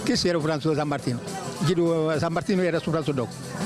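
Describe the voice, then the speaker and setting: An older man with a Sicilian accent, explaining traditional work in casual dialect, halting and repeating himself. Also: a little high, music in the background. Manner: halting, repetitive, colloquial explanations. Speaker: traditional winemaker recalling his work.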